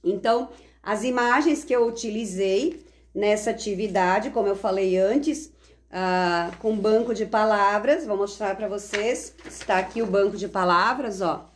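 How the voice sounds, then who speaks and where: A woman's voice: medium pitch, a little slow, slight background noise. A woman teacher explains classroom literacy activities in a live online talk, checking in often with tag questions.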